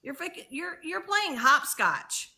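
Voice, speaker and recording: A woman with a high, bright voice rants with passion and sarcasm as a guest on a live stream. She slips into mocking voices to mimic the people she argues against. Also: very animated, a little slow, creaky. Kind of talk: passionate political rant.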